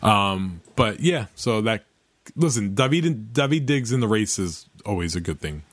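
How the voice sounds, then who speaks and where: Male podcast host, low voice, quick chatty delivery full of fillers. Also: animated, no room sound. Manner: rapid, filler-heavy, laughs between remarks. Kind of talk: casual podcast chat.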